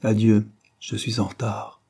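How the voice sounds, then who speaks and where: Male reader as a reproachful young man, earnest, dark-toned. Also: on the low side, completely flat delivery, measured pace, creaky, breathy edge, exaggerated voice.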